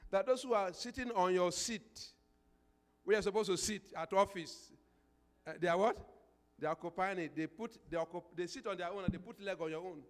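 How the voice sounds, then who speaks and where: A man's voice: high-pitched, fairly quick. An older man preaching a sermon as a pastor, emphatic, repeating phrases and posing call-and-response questions into a handheld microphone. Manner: emphatic, swelling into prayer declarations. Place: indoor church stage. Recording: reverberant church hall.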